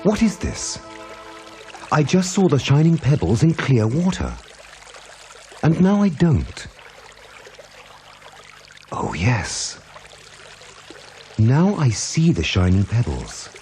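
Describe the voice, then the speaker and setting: An actor playing a calm, resolute prince turned ascetic, speaking formal, measured lines in an animated film. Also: male voice, medium pitch, soft background music. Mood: pondering. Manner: solemn, formal, measured declarations.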